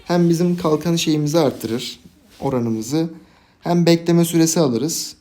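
Excitable young man commentating a game. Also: on the high side, unhurried. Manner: excitable, jokey, shouts and laughs at big plays. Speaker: gaming YouTuber. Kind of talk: live gameplay commentary.

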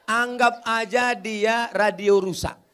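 A man's voice: sits high, fairly even intonation, slow pace, fairly bright tone, smooth. A man preaching to a crowd, answering questions with jokes and building to fervent emphasis. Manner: rising to fervent emphasis, then joking asides. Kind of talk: humorous sermon.

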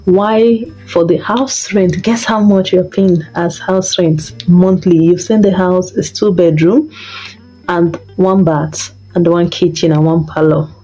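A young woman from Nigeria, chatting casually in a vlog about renting her first flat. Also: on the low side, takes it slowly, slightly rough, faint music behind, low-quality recording. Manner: chatty, conversational storytelling. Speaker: vlogger.

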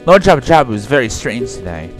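A man's voice: mid-range voice, very animated, fast talker, faint music behind, pitched below the performer's own voice, close to an everyday voice, low-quality recording. A man voicing a haughty young female fish princess over gameplay, in a bossy, dismissive way.

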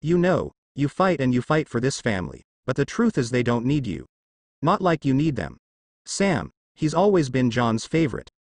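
Man reading as a mocking demon villain, taunting, lively delivery. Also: mid-range voice, normal speed, no echo, clean studio sound. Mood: gloating. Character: gloating, menacing male demon.

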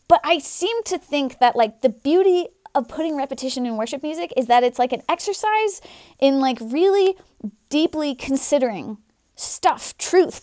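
High-voiced young woman chatting casually. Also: darkish tone, no room sound, clean studio sound. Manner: chatty, filler-heavy, earnest. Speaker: vlogger. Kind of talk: casual opinion vlog. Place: living room.

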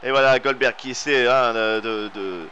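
French guy hyping up a wrestling game, bright tense voice, bit of noise behind. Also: mid-range voice, moderate pace, dull audio. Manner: excitable, rising to shouts on big moves. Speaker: video game commentator. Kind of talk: excited play-by-play commentary.

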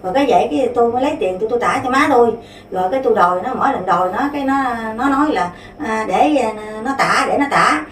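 A woman's voice: on the high side, expressive, racing, far from the mic. A woman, rambling through her story with many fillers and restarts. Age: 50s. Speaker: interviewee. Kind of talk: casual spoken complaint. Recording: roomy, off-mic, faint background noise.

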